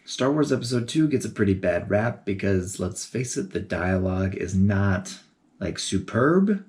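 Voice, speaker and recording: A man giving a casual, animated video essay, talking in a chatty way with geeky enthusiasm. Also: low voice, normal speed. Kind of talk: casual commentary to camera.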